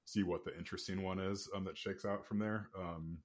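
A man talking casually as a game master, thinking out loud on a podcast. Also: low voice, fairly even intonation, fairly quick.

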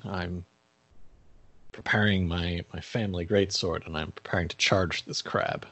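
Husky, low-voiced man playing a tabletop game. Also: steady tone, unhurried, fairly bright tone, no echo, dull audio. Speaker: player. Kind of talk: casual tabletop play.

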